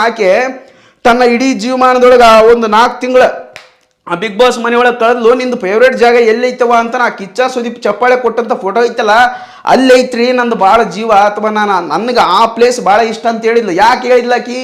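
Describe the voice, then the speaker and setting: Man, very high voice, rapid impassioned fan rant. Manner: impassioned, rhetorical questions. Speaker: fan commentator. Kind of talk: opinion monologue.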